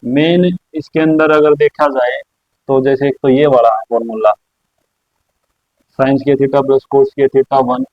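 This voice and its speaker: A man teaching a maths lesson at a board, explaining slowly and repeating his own questions for the class. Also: medium pitch, fairly even intonation, dry recording. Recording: dry, slightly dull lo-fi sound.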